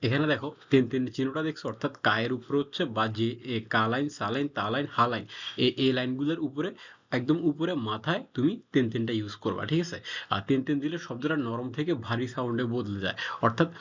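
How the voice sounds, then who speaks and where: A man's voice: mid-range voice, fast, fairly bright tone. A man teaching a casual language lesson, informal and repetitive, with frequent fillers. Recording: slightly dull lo-fi audio.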